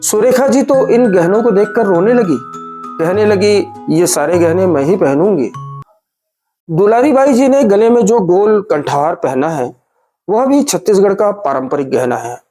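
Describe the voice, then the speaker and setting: Mellow storytelling narrator over soft music. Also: medium pitch, expressive, a little slow. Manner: storytelling, addresses listeners as friends. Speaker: narrator of a history series. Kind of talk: scripted documentary narration.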